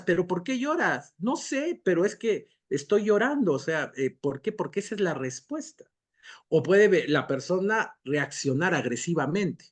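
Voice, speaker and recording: A man, a doctor and guest expert, giving calm, lecturing answers in an interview and acting out short dialogues as examples. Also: a little high.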